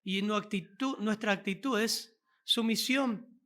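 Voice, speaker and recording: A male pastor with a Rioplatense accent, preaching a sermon with animated delivery, reading scripture aloud and adding joking asides to the congregation. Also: high voice, measured pace. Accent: Rioplatense Spanish.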